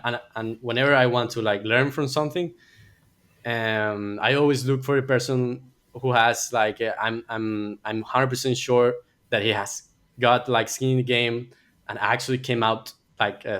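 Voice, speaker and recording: Guy, guest on a podcast, keeps restarting his words, mid pitch. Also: steady tone, normal speed, a bit bright. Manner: hesitant, many fillers and repeated words. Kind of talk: casual interview chat.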